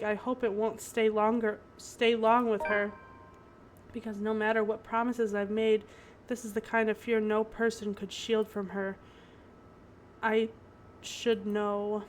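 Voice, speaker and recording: A woman's voice: a little high, slight background noise. A woman streamer narrating a visual novel aloud, breaking off for giggly asides. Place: home.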